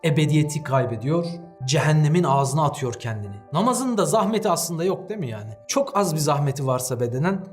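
A man's voice: a little high, expressive, fast, a little mellow. A man giving a fervent religious talk as a preacher, speaking to his listeners as brothers and pressing them with rhetorical questions. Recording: faint music underneath.

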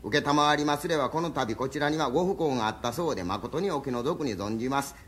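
A man's voice: medium pitch, fairly quick, a bit bright, slight background noise, voice pushed down, lightly acted. A man voicing a bossy, exasperated Osaka housewife with an Osaka accent, in rakugo storytelling. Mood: nagging. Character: scolding middle-aged Osaka housewife.

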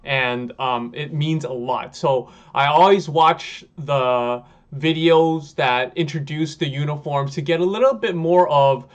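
A man's voice: on the high side, a little slow, hardly any pauses. A man in his thirties from Hawaii, hosting a casual reaction video from a room at home, talking at a webcam with lots of fillers. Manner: chatty, filler-heavy, excitable. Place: home room with sneaker shelves.

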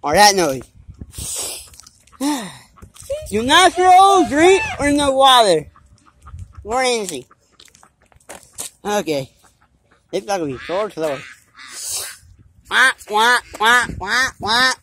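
A woman's voice: medium pitch, sing-song, takes it slowly, pauses often. A woman vlogging in a playful, rambling way who turns earnest when she signs off. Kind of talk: casual vlog chat. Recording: faint background noise.

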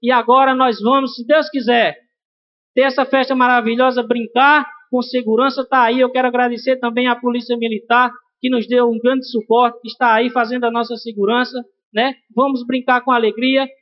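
A man with a Pernambuco accent delivers an earnest political speech from an outdoor festival stage at night, speaking into a handheld mic. His voice sits very high for a man, and he leans on a repetitive rally cadence. The camera audio is muffled and lo-fi. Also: flat delivery, fairly quick. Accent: Pernambuco Portuguese. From Pernambuco, Brazil. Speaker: vice-mayor giving a speech.

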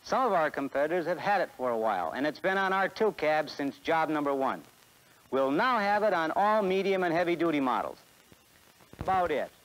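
A fairly high-pitched, animated, brisk male voice, a bit bright, comes through poor audio. It's an American man in his forties performing a scripted sales presentation beside a truck in a film studio, part of a 1960s promotional film.

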